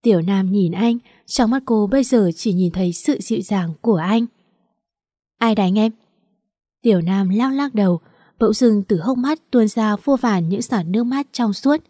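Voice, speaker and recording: A woman narrates a romance story in a steady, expressive way. Her voice is dark and mellow at a middle pitch. The recording is dry and close. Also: moderate pace, dry recording.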